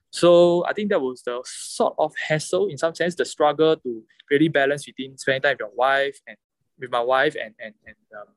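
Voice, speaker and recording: A Singaporean man talks casually in Singlish, sliding between English and Mandarin with local particles. His pitch is mid-range and his phrasing halting. The sound is very dry. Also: no echo, rough recording. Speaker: podcast guest. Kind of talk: casual chat.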